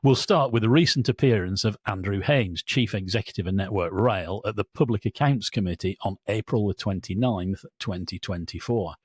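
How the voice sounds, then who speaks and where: A man's voice: lowish voice, normal speed, hardly any pauses, darkish tone, husky. A British man hosting a railway podcast, bantering and reading listener mail in a jovial, self-deprecating way. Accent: British English. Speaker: podcast host.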